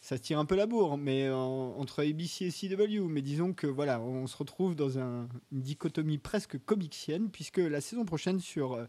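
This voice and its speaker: A man with a slightly high voice chats casually about upcoming TV shows. He rambles, hesitates and trips over his words, filling the gaps with drawn-out sounds as he searches for names. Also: lively intonation, mellow. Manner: rambling, hesitant, many fillers and restarts. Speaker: podcast co-host presenting a segment. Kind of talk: casual chat about TV series.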